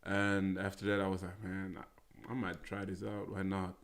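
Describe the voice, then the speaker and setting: A man in his twenties from Austria, a guest in a casual interview, talking in a halting way with many fillers and restarts. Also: low-pitched, completely flat delivery, a crowd in the background. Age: 20s. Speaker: guest, American football player.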